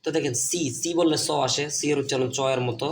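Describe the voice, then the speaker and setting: A man with a Bangladeshi Bengali accent teaches a lesson at a board, repeating every point and posing questions that he then answers himself. His voice is medium-pitched and quick-paced, with slight background noise.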